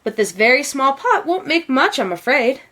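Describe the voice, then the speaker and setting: A woman voicing a gentle, wise male monk in an expressive, deliberate storybook read-aloud. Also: high voice, full character voice. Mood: kindly, coaxing.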